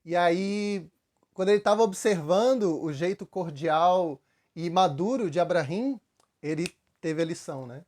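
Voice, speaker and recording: Man, Brazilian Portuguese accent, spiritual teacher, fairly high voice, casual storytelling, lots of fillers. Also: unhurried. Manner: relaxed storytelling with frequent fillers, acts out quotes. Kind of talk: conversational spiritual talk.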